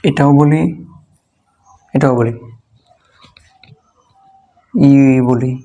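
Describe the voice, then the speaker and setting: A man's voice: medium pitch, steady tone, drawn-out words, warm tone. Patient man drilling letter sounds. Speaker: Quran reading teacher. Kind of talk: slow drilled letter-by-letter lesson.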